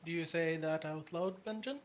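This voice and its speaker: Tabletop game master, hesitant narrator, fills pauses, mid-pitched, faint hiss. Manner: loose, hesitant narration with many fillers.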